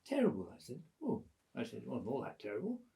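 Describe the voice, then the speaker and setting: A man in his eighties telling lively family stories at home, chuckling and acting out the voices of the people in them. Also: medium pitch, quick pace, creaky. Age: 80s. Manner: lively, chuckling storyteller who acts out quoted voices. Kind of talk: casual storytelling at a family gathering.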